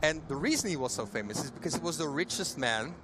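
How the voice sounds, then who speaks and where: A man's voice: a little high, lively intonation, quick pace, background noise. A man being interviewed about a strategy game he works on, explaining in a friendly way with many fillers and restarts. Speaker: game developer guest. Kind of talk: casual interview at a trade fair.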